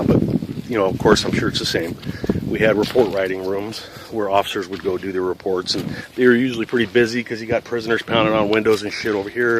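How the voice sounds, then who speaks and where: Profane, rambling former cop telling a story. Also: male voice, lowish voice, heavy background noise. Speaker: former police officer. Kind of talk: casual storytelling.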